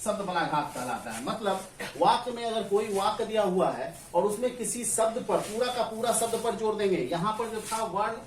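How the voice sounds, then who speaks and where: A man's voice: high voice, expressive, moderate pace, a little hiss or hum. A male teacher gives a grammar lesson in a classroom. He asks the class questions, answers them himself and keeps checking that everyone understands. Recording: echoey room, far from the mic, faint ambience.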